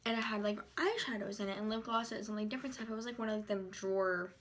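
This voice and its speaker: A young woman chats casually and haltingly to the camera in a rambling, informal way, chewing as she talks. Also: medium pitch, slight background noise. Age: young adult. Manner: chewing while talking. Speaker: YouTuber vlogger. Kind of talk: casual chat to camera during a mukbang.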